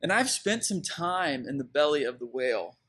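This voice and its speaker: Man, pastor, sermon, husky, slightly high voice. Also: big pitch swings, normal speed, a bit bright. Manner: conversational, reflective, with fillers and restarts.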